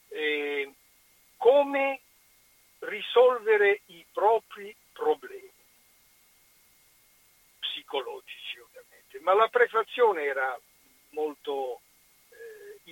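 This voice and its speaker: A man's voice: high-pitched, slow, vocal fry, long pauses, no room sound. Man calling in on speakerphone. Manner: chatty, lively storyteller. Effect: on speakerphone over a phone line. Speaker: caller. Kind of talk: phone-in chat, telling an anecdote. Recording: dull phone line, speakerphone.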